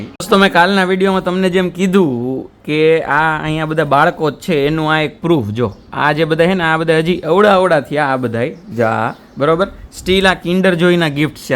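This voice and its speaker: A young man, chatting and joking in a casual home vlog. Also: fairly high pitch. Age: young adult. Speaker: vlogger. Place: family home indoors.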